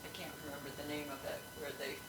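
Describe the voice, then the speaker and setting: A woman's voice: sits low, roomy sound, distant mic, noisy background. A woman guest in casual chat, agreeable and chatty. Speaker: podcast guest.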